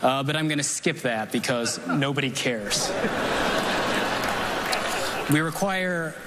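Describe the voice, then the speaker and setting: A young man performs a comedy magic act in a deadpan, dry manner. His wording is formal and precise, delivered at an ordinary male pitch. It is a live theater recording with heavy noise behind him. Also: takes it slowly. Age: 20s. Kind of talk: scripted stand-up magic routine to a live audience. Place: theater stage before an audience.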